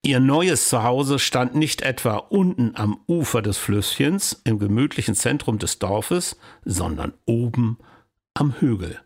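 A man calmly reading a children's storybook aloud as narrator. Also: medium pitch, a little slow.

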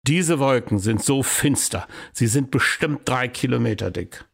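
A man's voice: mid-range voice, animated, unhurried, creaky. A man reading a storybook aloud and voicing a cautious, fussy father who talks in a scolding tone. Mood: dismissive. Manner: scolding, dismissive.

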